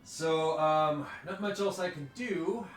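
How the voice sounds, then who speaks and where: An easygoing man playing a tabletop game, quick to laugh. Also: fairly high pitch. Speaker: player. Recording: roomy room with faint music.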